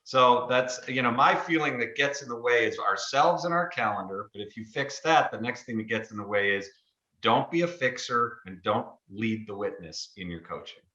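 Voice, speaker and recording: A man's voice: medium pitch, moderate pace, sharp tone, reverberant, dull audio. A man speaking as a panelist in a virtual class, giving advice in an emphatic manner.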